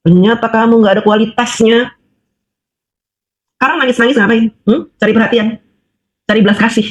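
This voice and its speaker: A woman's voice: a little high, a little fast. A woman who calls herself a housewife, delivering an angry, mocking monologue at her critics and firing off rhetorical questions. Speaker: housewife voicing political opinion. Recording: dull lo-fi recording.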